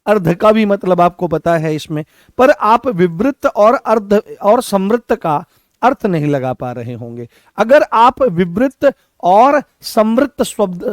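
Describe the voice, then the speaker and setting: A man teaching a Hindi exam-prep class, repeating each point and quizzing students with lively, chatty asides. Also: sits high, dry recording, studio quality. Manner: repetitive, drilling questions to students. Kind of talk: classroom lecture.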